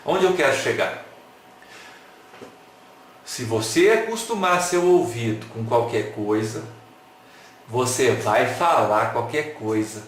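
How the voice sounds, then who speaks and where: A mid-range male voice moves slowly, with long pauses, through a lively online lecture in which he jokes and asks his audience questions, including rhetorical ones. His manner is animated and playful; the very echoey room has a little hiss or hum.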